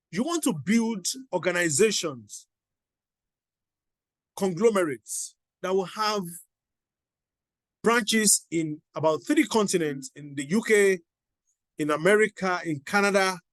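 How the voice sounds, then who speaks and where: A man's voice: sits high, no echo. A middle-aged man giving a motivational teaching talk, emphatic and repeating his exhortations. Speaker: motivational coach.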